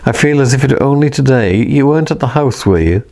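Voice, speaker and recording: A man reading the lines of a flustered, excitable young woman, quick and eager. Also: medium pitch, vocal fry, voice pushed up.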